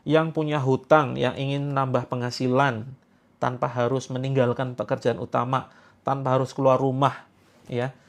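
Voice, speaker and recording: A man's voice: medium pitch, little pitch movement, normal speed, gravelly. A man hosting a live religious therapy stream, chatting playfully with viewers, reading their comments aloud and laughing often. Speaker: host of a live Quranic therapy session. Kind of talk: casual livestream chat reading viewer comments.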